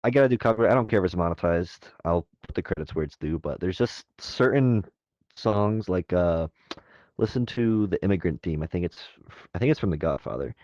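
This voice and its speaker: A man of twenty-one chatting as a podcast guest, relaxed and rambling with lots of fillers. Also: low-pitched, brisk, dry recording, dull audio. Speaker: guest filmmaker. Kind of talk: casual podcast chat.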